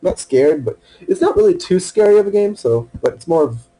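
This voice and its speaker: A let's play gamer sits alone in his room at the computer wearing headphones, his slightly high voice brisk as he comments casually to himself. He swears and gets suddenly excited, and the rough recording has slight background noise.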